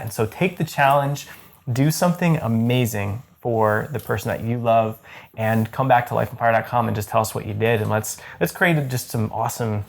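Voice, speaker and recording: A man in his thirties hosting a casual chat to camera, enthusiastic and rambling with lots of restarts. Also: medium pitch. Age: 30s. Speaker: host.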